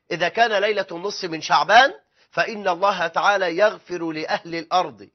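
A man preaching a sermon in an Egyptian Arabic accent, impassioned and emphatic, stressing his points with oaths. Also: high voice. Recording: dull lo-fi recording.

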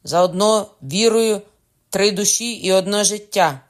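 A brutal, hot-tempered young swordsman from a storybook, put on by a woman reader. He shouts and sneers at his victims, his threats landing hard and loud. The voice sits low and heavy. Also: moderate pace, close to an everyday voice. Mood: commanding.

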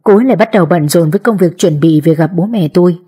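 A woman narrating an audiobook in steady, even storytelling. Her voice sits low and mellow, with a husky, breathy edge. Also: quick pace. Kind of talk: scripted narration.

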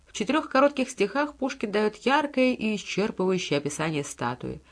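A woman narrates a literary audiobook with measured, expressive phrasing. Her voice sits at a middle pitch, and she gives each sentence careful weight.

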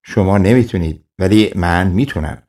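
Sly cheeky trickster, voiced by a man, low voice, storybook. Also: a little mellow, natural voice. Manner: sly, self-assured. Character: clever wandering male trickster, cheeky and sly.

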